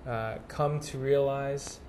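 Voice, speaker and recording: Man, average pitch, polite questioner, hesitant, casual phrasing, light background noise. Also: fairly even intonation, slow, a little mellow. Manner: hesitant, tentative. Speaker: audience questioner at a channeling session.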